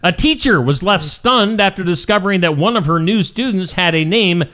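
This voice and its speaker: A man's voice: high-pitched, animated, moderate pace, sharp tone. A man hosting a morning show, reading out weird news stories in a jokey, casual way. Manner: jokey, reads stories aloud and laughs at them.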